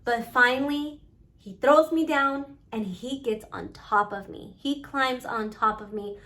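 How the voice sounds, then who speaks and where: Woman vlogger, slow halting personal storytelling, fairly high voice. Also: sharp tone. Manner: halting, pausing often, earnest. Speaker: vlogger recounting her own experience.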